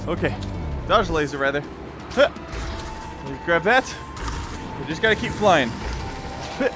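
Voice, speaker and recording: Over background game music, a man commentates his gameplay live and excitedly. His voice leaps around in pitch but the pace stays relaxed, coming out in brief exclamations directed at himself.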